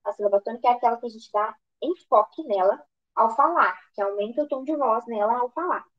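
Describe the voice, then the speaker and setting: A woman's voice: on the high side, brisk, dull audio. A woman with a Brazilian accent giving an online grammar lesson as an exam prep tutor, asking questions and answering them herself, with frequent restarts. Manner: asks and answers her own questions, restarts often.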